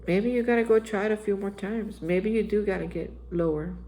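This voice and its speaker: The recording is rough, and the man's voice sits high, a little mellow and a little fast. Based near Austin, Texas, he vlogs a daily spiritual recovery reflection, pressing the listener on with earnest exhortation, repeated phrases and frequent use of "man."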